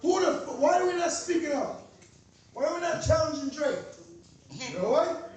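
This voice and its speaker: A man from Queens with a Queens New York accent, delivering an animated, profane comedic rant in punchy, repeated phrases and rhetorical questions. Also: very high voice, normal speed. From Queens, New York, USA. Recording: very echoey room, distant mic.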